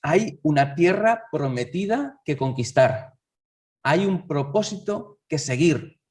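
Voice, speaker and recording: Lively male preacher in a church. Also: a little high, takes it slowly, far from the mic. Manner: lively, conversational preaching with rhetorical questions. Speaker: lay preacher. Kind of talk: sermon. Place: church hall.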